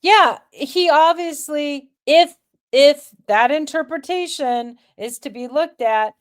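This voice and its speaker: A woman's voice: high-pitched, slow pace. A woman co-hosting a podcast, agreeing with her partner and chiming in with her own questions in casual chat. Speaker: podcast co-host. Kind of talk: casual discussion of scripture.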